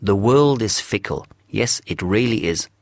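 Low-voiced man narrating a story. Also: animated, dry recording, clean studio sound. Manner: measured, clear storytelling. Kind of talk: scripted narration for English learners.

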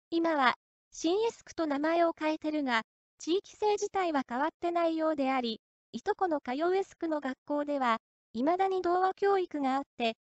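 A woman narrating a scripted horror story in a steady storytelling manner. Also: high voice, no echo, lo-fi sound.

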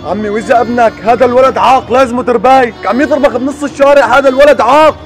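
A man's voice: very high-pitched, steady tone, very fast, soft background music. A man playing an indignant young passerby in a street drama, with an outraged, insistent tone.

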